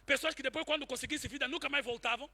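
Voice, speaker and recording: A man preaching a sermon and telling a personal testimony, swinging from quiet asides to shouted peaks. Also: very high voice, quick pace. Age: adult, married since 2010.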